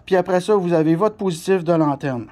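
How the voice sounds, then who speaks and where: His voice high and dark, a man with a Québécois French accent talks a little fast while casually demonstrating a product hands-on. He is a CB radio shop specialist, speaking bluntly and colloquially with some mild crudeness, all unscripted.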